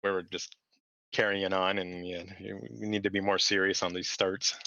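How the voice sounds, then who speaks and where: Bright, lowish man from Canada, lo-fi. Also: little pitch movement, moderate pace, creaky, slight background noise. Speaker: racing driver being interviewed. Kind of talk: casual interview chat.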